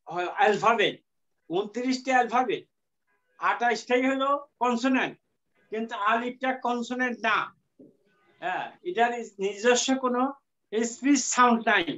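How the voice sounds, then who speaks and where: A man teaching an Arabic lesson, explaining slowly and repetitively with many fillers and English terms mixed in. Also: very high-pitched, a bit bright. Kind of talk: classroom lecture. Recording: dull lo-fi sound.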